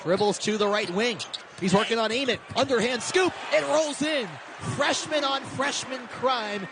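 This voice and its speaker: This is live sports commentary: a man with a very high-pitched voice, speaking at normal speed, gives radio basketball play-by-play in short, vivid calls. Arena noise and a bouncing basketball come through clearly around him.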